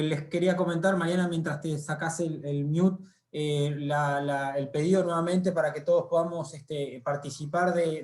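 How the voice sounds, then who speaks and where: A man with a Uruguayan Spanish accent moderates an online panel politely, with hesitant fillers, heard over a video call. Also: a little high. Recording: echoey room.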